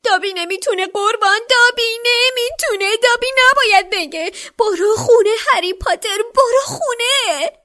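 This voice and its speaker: A woman voicing a frantic, tearful little male house-elf servant with a squeaky, stammering voice, pitched far above her own. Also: few pauses, sharp tone. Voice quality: squeaky, shrill. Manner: whimpering, stammering, pleading. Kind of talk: audiobook character voice.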